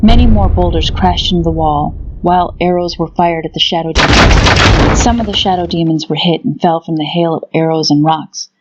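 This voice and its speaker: A woman's voice: on the low side, normal speed, highs cut off, very noisy. A woman narrating a fantasy audiobook in a scripted, dramatic storytelling style.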